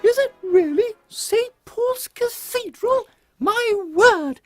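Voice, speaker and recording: Very high-pitched, imperious queen, Victoria. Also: expressive, slow pace, no echo, soft background music, heavily acted. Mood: brisk, imperious. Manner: haughty, scolding, formal old-fashioned phrasing. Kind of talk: comic audio drama acting.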